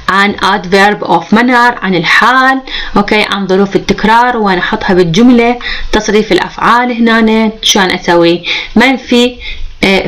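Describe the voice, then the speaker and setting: A woman with an Iraqi Arabic accent teaching an exam-prep English grammar lesson. She is patient, often checks with "okay", and reads the English examples slowly and clearly. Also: mid-range voice, a bit bright, rough recording. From Iraq.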